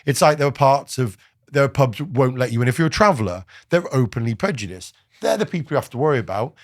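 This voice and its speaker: A South Wales man hosts a podcast, leading a casual, opinionated discussion in a medium-pitched, lively voice. He talks fast, argues emphatically, and speeds up further when pressing a point. The studio sound is clean with no echo.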